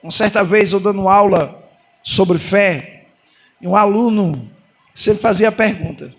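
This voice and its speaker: A male pastor with a Brazilian Portuguese accent preaches with fervor, hammering points through repetition. His voice sits strikingly high. The recording is dull and lo-fi. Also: measured pace, breathy edge. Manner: fervent, emphatic repetition, calls listeners "irmão". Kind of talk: sermon.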